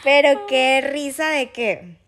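A middle-aged woman joins her daughter as a guest on the show. Her voice sits a little high, and she talks in an easygoing, reflective way. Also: expressive, slow pace, fairly bright tone. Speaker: guest, host's mother. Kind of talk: casual chat.

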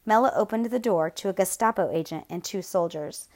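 A woman narrating a novel aloud in a steady, measured, grave storytelling voice. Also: medium pitch. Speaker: audiobook narrator.

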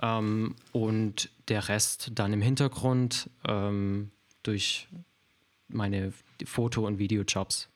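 A man from Germany, a photographer and videographer, talking as a podcast guest in a relaxed chat, often pausing and restarting his sentences. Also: lowish voice. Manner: hesitant, many fillers and restarts. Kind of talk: casual podcast interview.

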